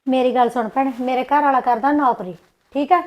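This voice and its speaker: A woman's voice: high-pitched, fairly even intonation, highs cut off. A woman with a Punjabi accent acting a young village wife in a short film, complaining and snapping back. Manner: sulky, complaining, quick retorts.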